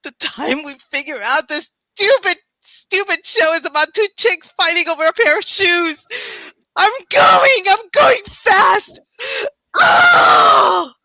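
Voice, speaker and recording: Wicked witch: gloating radio-play villainess, slow, theatrical menace with wide swoops and a creaky edge. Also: extremely high pitch, animated, pushed and bright, dry recording, heavily acted, poor audio. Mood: shrieking despair. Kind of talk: comic radio play acting.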